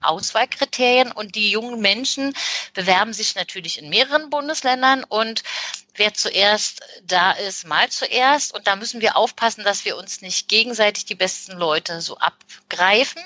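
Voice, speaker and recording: A woman speaking as a police official, measured and halting, full of fillers and short pauses. Her voice is bright and forceful. The recording is dry and close. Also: medium pitch, lively intonation, dry recording. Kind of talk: interview answers.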